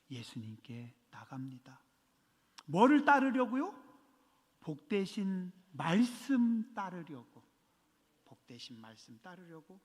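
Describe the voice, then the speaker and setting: A male pastor preaching a sermon in an animated way, acting out complaining believers with humor. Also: fairly high pitch, big-room sound. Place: church sanctuary.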